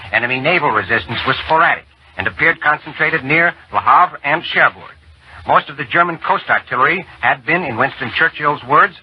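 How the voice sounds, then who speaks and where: An American man giving a grave, formal 1940s war news broadcast with measured delivery on an old radio recording. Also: fairly high pitch, muffled recording, slight background noise. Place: radio studio.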